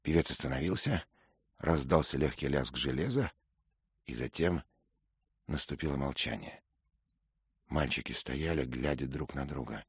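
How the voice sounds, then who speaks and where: A man reading an adventure novel aloud in steady, measured scripted narration. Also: a bass voice, husky, no room sound, clean studio sound. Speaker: audiobook reader.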